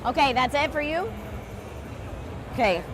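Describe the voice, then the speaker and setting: A woman's voice: sits high, expressive, measured pace, background noise. A woman hosting a live event in an unscripted, conversational way. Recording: music and crowd in busy venue.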